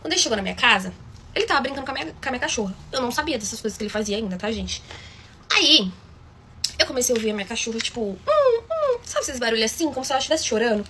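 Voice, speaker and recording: A woman's voice: on the high side, lively intonation, rapid-fire, sharp tone, slight background noise. A woman telling a story in a chatty, dramatic way, often calling out to her listeners. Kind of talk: casual storytime.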